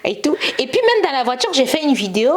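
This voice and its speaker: A woman's voice: high voice, very animated, fast. A woman, an interview guest telling a long story and acting out the quotes. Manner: acts out quotes and sings snippets, repeats "et tout". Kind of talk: animated storytelling.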